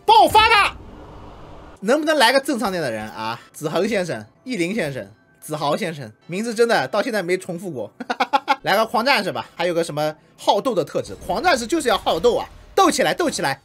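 A woman narrates her own gameplay at full tilt. Her voice leaps high on the battle cries and sinks low when she mutters, so the pitch moves a lot. Faint game music plays underneath. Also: fast talker, few pauses, breathy edge. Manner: excitable, shouts battle cries, laughs at herself. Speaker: gameplay streamer. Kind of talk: live game commentary.

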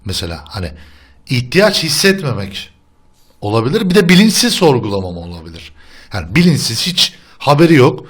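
A young man chats through a gameplay session in a lively, up-and-down voice of middle pitch. He laughs easily and argues his points with playful insistence. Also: fairly quick, husky. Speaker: gaming channel host. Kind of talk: casual gameplay chat.

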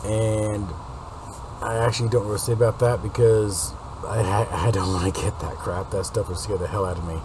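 A man in his late forties with a raspy smoker's voice, giving a casual, rambling update to viewers through a webcam. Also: on the low side, flat delivery, normal speed. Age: late 40s. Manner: rambling, informal. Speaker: video host. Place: unfinished basement room. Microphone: webcam or laptop mic at desk distance. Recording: noisy webcam recording with background hum.

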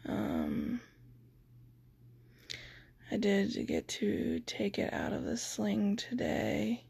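Woman vlogger, hoarse and breathy, drawn-out whispered delivery, video diary. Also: medium pitch, level tone, dark tone, dry recording. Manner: mostly whispering, slow and tired. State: hoarse, scratchy throat. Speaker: vlogger recovering from surgery.

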